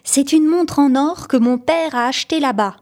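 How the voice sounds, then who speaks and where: A woman voicing a proud, boastful little schoolboy in a children's story, eager and excited. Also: sits high, normal speed, voice pushed up.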